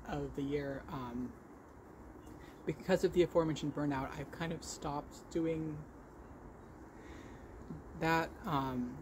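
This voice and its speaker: This male vlog host shows off crochet work in a casual, podcast-like chat, his voice on the high side. Delivery is slow and halting, with a stutter of repeated sounds and blocks and frequent self-corrections, and background noise is clearly audible.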